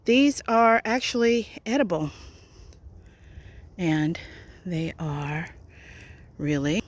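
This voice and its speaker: A woman's voice: fairly low pitch, lively intonation, takes it slowly. A woman casually vlogging outdoors in the countryside while walking and foraging, chatty and self-deprecating.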